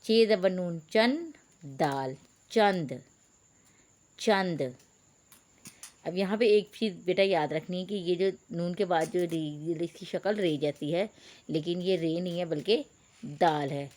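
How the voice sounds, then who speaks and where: A woman teacher gives an online reading lesson for young pupils. She spells out letters one by one and repeats each word, calling the children beta. Her voice sits a touch low. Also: darkish tone. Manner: patient, spells out letters slowly.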